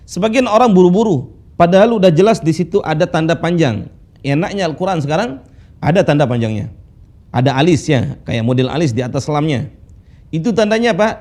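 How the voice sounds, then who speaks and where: A man teaching Quran recitation rules, patiently drilling students with slow, drawn-out recited phrases. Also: a little high, a little mellow. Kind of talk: tajwid lesson with recitation drills. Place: classroom studio with whiteboard.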